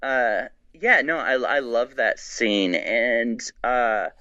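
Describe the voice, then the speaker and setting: A man guesting on a podcast, chatting excitedly and rambling with many restarts. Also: mid-range voice, slow, no room sound, highs cut off. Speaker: guest, horror writer. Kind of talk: casual podcast chat.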